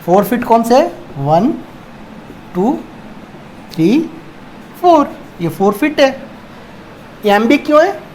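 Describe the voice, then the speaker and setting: A man's voice: extremely high pitch, sing-song, a little mellow, slight background noise. A man teaching English poetry, who asks questions and answers them himself while explaining. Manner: explains slowly, asks and answers his own questions, mixing Hindi and English. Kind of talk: online lesson on a poem.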